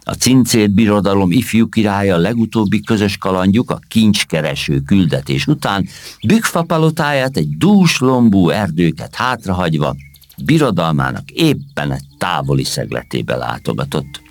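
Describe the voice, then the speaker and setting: A man with a deep, low voice reads a children's story aloud. His pitch rises and falls very widely as he tells it, gentle and expressive throughout. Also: no room sound.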